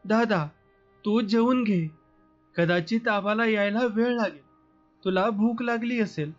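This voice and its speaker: A man voicing a proud, defiant young village woman, lifting his voice higher for her. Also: a little slow. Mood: gentle, pleading. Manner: pleading then sharp, raised pitch. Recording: slightly muffled, soft background music.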